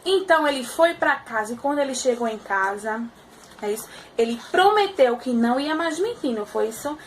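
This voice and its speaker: A woman teacher telling a story to small children, animated and often checking in with her listeners. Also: sits high, brisk, slight background noise.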